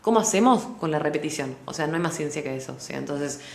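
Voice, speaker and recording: A woman's voice: sits low, animated, fast, vocal fry, roomy sound. A young woman with a Rioplatense Spanish accent hosting a solo podcast, explaining animatedly with everyday examples. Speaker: podcast host. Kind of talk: casual solo podcast talk.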